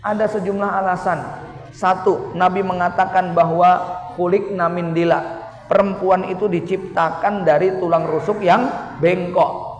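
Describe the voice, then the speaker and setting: A man with a Javanese accent giving a humorous, folksy mosque sermon, acting out husbands and wives in quoted lines. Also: high-pitched. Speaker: preacher. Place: mosque hall. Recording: echoey mosque hall reverb.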